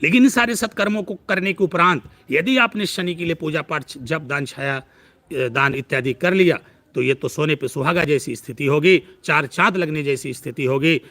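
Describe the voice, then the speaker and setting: Earnest male astrologer with a higher voice. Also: normal speed, bright, forceful tone, no room sound. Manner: earnest, preachy, piles up long lists. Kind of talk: live-stream astrology talk.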